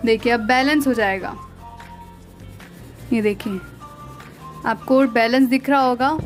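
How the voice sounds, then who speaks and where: A woman, explaining a pencil shading lesson step by step as an art teacher. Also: sits high. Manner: explains step by step with repeated "dekhiye" and "theek hai". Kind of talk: drawing lesson narration.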